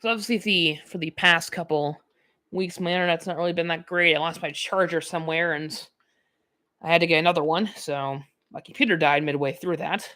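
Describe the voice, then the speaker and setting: Brisk and pushed, this nineteen-year-old woman's voice runs low and bright with fairly level intonation. A gaming YouTuber, she gives chatty, wandering let's-play commentary packed with "like" and frequent laughter.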